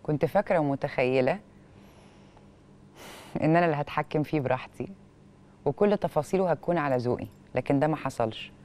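Reading out a letter and commenting in a questioning, expressive manner, this Egyptian-accented female TV host is recorded on a studio lapel mic. Her pitch sits low, her pace is quick, and she takes long pauses.

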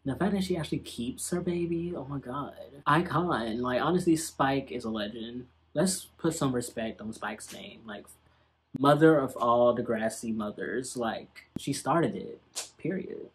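Sassy husky-voiced young man reacting. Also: mid-range voice, unhurried. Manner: slangy, sassy and animated. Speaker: vlogger reacting to an old TV episode. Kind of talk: casual reaction commentary.

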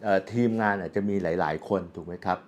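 A man with a low voice speaks fast in a casual, unscripted product demonstration, explaining each step as a reviewer. He uses frequent polite particles, handling sounds are audible, and background ambient noise comes through clearly.

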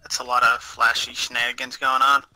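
A man's voice: mid-range voice, completely flat delivery, fairly quick, bright, forceful tone, rough recording. A man chatting casually with friends about a game, laughing and stumbling over his words. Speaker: gaming friend. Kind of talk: casual gaming chat.

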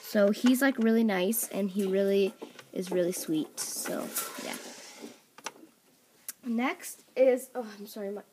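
With a medium pitch, a slow pace and long pauses, a woman introduces toy characters on a table at home, staying off-camera as her channel's host for voice auditions. She rambles in a relaxed way, filling gaps with "like" and "um" and revising herself mid-thought. Background noise is audible on the phone or camera mic recording.

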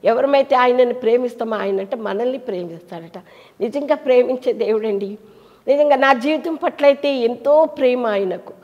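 A woman pastor delivers a sermon in a fairly high voice. Her preaching is impassioned and swells into emphatic calls. The sound carries a long, reverberant hall tail. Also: moderate pace, lo-fi sound.

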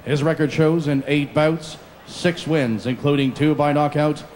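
A man giving formal, drawn-out ring introductions in the manner of an arena announcer. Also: a little high, fairly even intonation, darkish tone, slight background noise. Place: boxing ring in an indoor arena.

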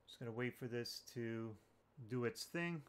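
Smooth and moderately paced, a man's medium-pitched voice guides viewers through a tech tutorial step by step. His narration is informal and plainly worded.

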